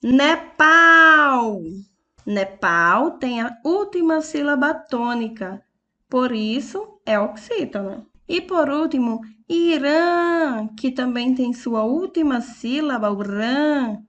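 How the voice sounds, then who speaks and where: A woman with a Brazilian Portuguese accent, teaching a recorded lesson for young children, slowly stressing each word to show its strong syllable. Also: sits high, expressive, highs cut off. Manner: slow, careful, stresses words syllable by syllable. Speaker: primary school teacher.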